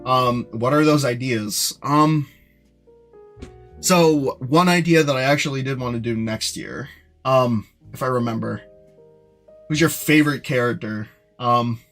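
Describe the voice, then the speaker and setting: A young streamer and animator rambles casually to his live chat, full of fillers and restarts. He speaks at medium pitch in what he himself calls a monotone voice.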